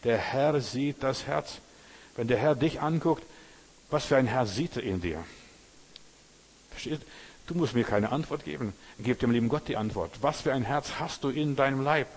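A man's voice: medium pitch, normal speed, breathy edge. A man preaching a sermon in an earnest, repetitive way, often addressing the listener directly.

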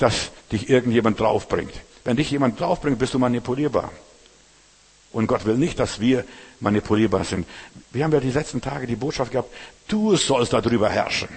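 Husky-voiced male pastor preaching. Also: mid-range voice. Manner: colloquial, addresses listener directly with "weißt du". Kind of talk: sermon. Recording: long hall reverb.

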